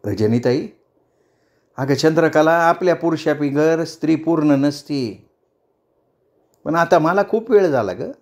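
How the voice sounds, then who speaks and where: A man voicing a sharp-tongued middle-aged woman friend in a storybook reading, with a teasing, scolding manner. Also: on the high side, expressive, a little slow, pauses often. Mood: tearful.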